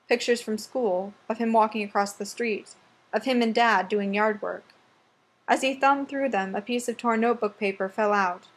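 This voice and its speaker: A woman narrating an audiobook in a soft, measured way, often dropping quieter. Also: medium pitch. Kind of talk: scripted narration.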